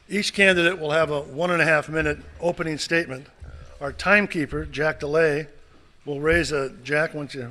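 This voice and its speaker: A man's voice: fairly high pitch, sharp tone. A man moderating a candidate forum in a meeting hall, reading out the rules with small asides. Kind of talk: formal announcement of rules.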